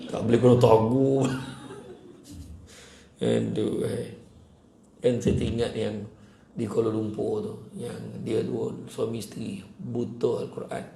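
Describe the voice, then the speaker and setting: A man giving a humorous religious talk, telling lively stories and acting out what people say. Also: lowish voice, unhurried, vocal fry, pauses often, a little hiss or hum. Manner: lively storyteller, acts out quotes, jokes often. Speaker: preacher. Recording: echoey room with faint ambience.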